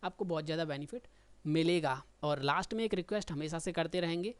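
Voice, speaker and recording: A man's voice: on the high side, a little fast, clean tone. A man, going through students' stenography test results and correcting their mistakes one by one. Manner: explanatory, corrective, addresses students by name. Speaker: stenography teacher. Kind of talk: result analysis lesson.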